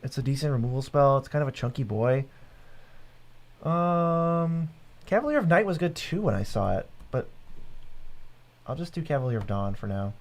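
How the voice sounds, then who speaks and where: A man's voice: medium pitch, animated, normal speed, long pauses. A young man co-hosting a live card game stream, chatting casually, joking and laughing. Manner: joking, laughing, puts on a gravelly Batman voice. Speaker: co-host. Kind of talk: casual livestream chat.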